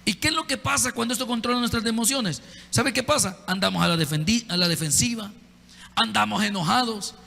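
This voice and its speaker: A pastor preaching a sermon in a conversational way, often putting direct questions to the congregation. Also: male voice, sits high, a little fast, vocal fry, sharp tone, in a large hall. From El Salvador. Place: church.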